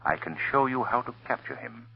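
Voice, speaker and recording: A man playing a commanding, solemn unseen crime fighter in theatrical, deliberate 1930s radio drama style. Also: medium pitch, lively intonation, gravelly, slightly rough. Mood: commanding, urgent. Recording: muffled old radio recording.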